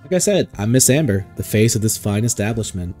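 A man's voice: on the low side, expressive, brisk, mellow, soft background music, close to an everyday voice. A man voicing a flirty southern hostess with a drawl, sweet-talking and calling people sugar. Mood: reassuring. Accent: Southern US (put on).

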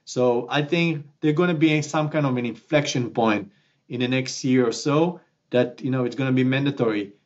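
An Israeli company founder answers questions on a video call from a small home office, recorded through a webcam at his desk. He's animated, gestures with both hands and restarts often, speaking at normal speed in a medium-pitched voice over dull audio.

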